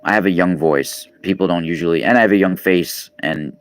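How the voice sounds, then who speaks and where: Talking a little fast in a low-pitched voice, this East Coast man from New York rambles casually on a live stream, full of fillers and restarts. He's in his 40s and works as a podcast host and radio guest.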